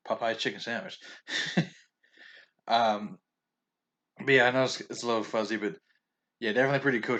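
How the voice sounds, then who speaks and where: A man with a somewhat low voice talks his way through a haul video in a loose, rambling way. He restarts sentences, trips over names and chuckles often as he gives his opinions. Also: a bit bright. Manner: chatty and opinionated, with frequent chuckles. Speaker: vlogger reviewing a manga haul.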